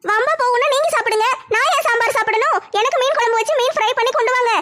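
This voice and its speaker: Actress for a comic bossy daughter-in-law: bright, piercing, fast and demanding. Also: female voice, very high voice. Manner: demanding, mocking. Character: spoiled bossy scheming young daughter-in-law. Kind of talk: comedy skit acting.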